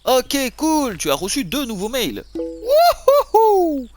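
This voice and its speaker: A French man commentating his farming game, animated and jokey, swinging between low muttering and excited yelps. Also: moderate pace, music in the background. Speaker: gaming YouTuber. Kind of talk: let's play commentary.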